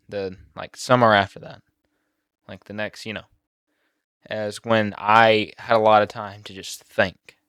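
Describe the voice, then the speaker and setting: A teenage boy with a low voice talks straight into a close, dry mic. He halts and restarts a lot, emotional and on the edge of tears. It sounds like a personal vlog confession. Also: fairly bright tone, smooth, no echo. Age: teens. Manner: emotional, halting with many fillers and restarts. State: near tears. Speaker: YouTuber.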